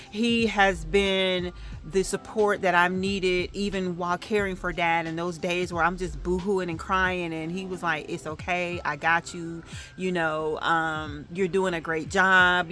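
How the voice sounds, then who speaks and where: A middle-aged woman vlogging to camera, telling a story in a chatty, animated way with plenty of fillers. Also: on the low side.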